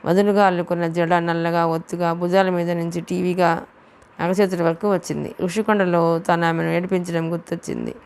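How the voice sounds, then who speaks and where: Female audiobook narrator, steady storytelling read, low and gravelly. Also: a little fast. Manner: steady storytelling, voicing the dialogue too. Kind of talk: reading a novel aloud.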